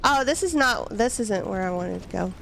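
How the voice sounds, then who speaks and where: A woman's voice: medium pitch, expressive, moderate pace, creaky, fairly bright tone, slight background noise. A young woman streaming a game, chatting casually and giggling to herself as she plays. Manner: giggly, chatty, talks to herself while playing. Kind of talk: casual gameplay commentary.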